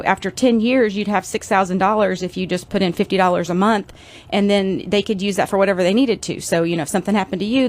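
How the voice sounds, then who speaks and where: A woman's voice: medium pitch, a little mellow. A woman co-hosting a radio show, explaining things conversationally with frequent fillers. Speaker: radio show co-host, financial planner. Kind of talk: casual radio chat.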